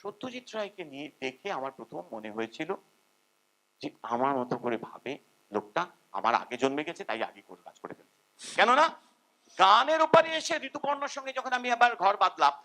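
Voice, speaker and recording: With a high-pitched voice at a moderate pace, an older man who is a musician delivers a loose, rambling seminar talk. He's animated and self-deprecating, breaking into hummed tunes from time to time.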